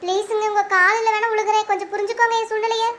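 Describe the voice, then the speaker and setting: Anxious pleading young wife in a cartoon, voiced by a woman, very high voice, fast talk. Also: flat delivery, fairly bright tone. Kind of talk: cartoon voice acting.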